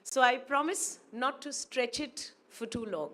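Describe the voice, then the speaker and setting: The speaker is a woman academic from India, Urdu her first language, addressing a university auditorium during a formal ceremony as a guest. Slow and measured, she uses a high, somewhat bright voice and a formal tone, repeating certain phrases for emphasis.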